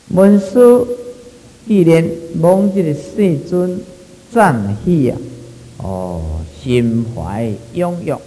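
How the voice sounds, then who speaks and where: Taiwanese-accented male sutra lecturer, animated and mellow, drawn-out fillers, echoing hall. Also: mid-range voice. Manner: drawn-out phrasing, frequent 啊 fillers, mixing in Hokkien. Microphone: microphone.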